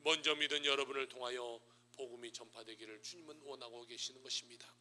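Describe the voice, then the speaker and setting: A man, a pastor, preaching a sermon and telling a story dramatically, swinging between loud and hushed delivery. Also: medium pitch, fairly even intonation, fast talker.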